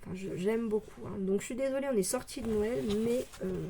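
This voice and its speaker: A woman vlogger chatting casually about scrapbooking papers, hesitant with many fillers, pausing to read labels aloud slowly. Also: fairly high pitch, background noise. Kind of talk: casual show-and-tell haul. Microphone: phone.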